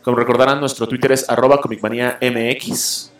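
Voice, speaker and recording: This host reviews films and comics, and here he delivers a frank, opinionated movie critique peppered with fillers and false starts, like casual radio. His mid-range voice barely shifts in pitch, moves at normal speed, and carries reverb.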